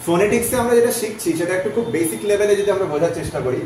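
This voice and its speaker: A man teaching a phonetics lesson, repeating vowel sounds slowly so students can follow. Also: high voice, darkish tone. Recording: very echoey room, voice from off-mic, faint background noise.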